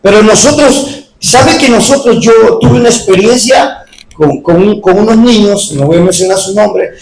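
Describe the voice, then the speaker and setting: A middle-aged man preaching a sermon in a church, moving between quiet talk and shouting. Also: high-pitched, normal speed, vocal fry, echoey room, far from the mic, low-quality recording. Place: church hall.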